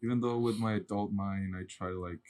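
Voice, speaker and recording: A man's voice: fairly low pitch, steady tone, brisk, darkish tone. A man co-hosting a casual podcast, laid-back and laughing often as he tells stories. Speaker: podcast co-host. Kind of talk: casual chat. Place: home room, seated on couch.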